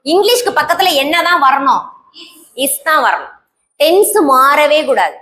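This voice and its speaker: A woman's voice: high voice, very animated, normal speed, pushed and bright. A woman teacher with a Tamil accent giving a classroom grammar lesson, quizzing students and repeating key terms, answering her own questions. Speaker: English teacher.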